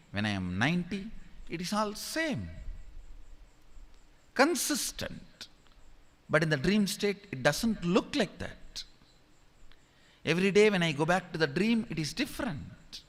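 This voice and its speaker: Man, spiritual teacher, discourse, bright higher voice, long hall reverb. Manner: repeatedly urges listeners to listen, asks the audience questions.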